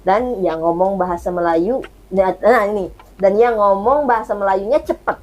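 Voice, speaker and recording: A woman in casual chat, explaining and sounding out words slowly. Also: mid-range voice, darkish tone, muffled recording. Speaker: co-host.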